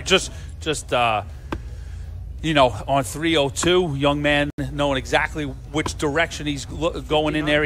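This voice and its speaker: A man's voice: mid-range voice, fairly bright tone. A man giving live sports commentary on a darts match.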